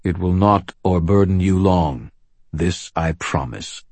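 A man voicing a rumbling, solemn fae giant. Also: expressive, takes it slowly, a little mellow, no room sound, heavily acted. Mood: grave. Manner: rumbling, archaic formal speech. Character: enormous horned male fae brute, solemn, menacing. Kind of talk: audiobook character voice.

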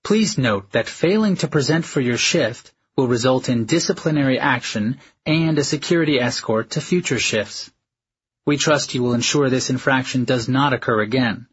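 A male actor voices a spaceship's impersonal message system. The delivery is formal, clipped and detached, in a husky male voice. It sounds like a scripted audiobook announcement, slightly muffled. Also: medium pitch, moderate pace, natural voice. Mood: detached, official. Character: impersonal shipboard message system reading official notices.

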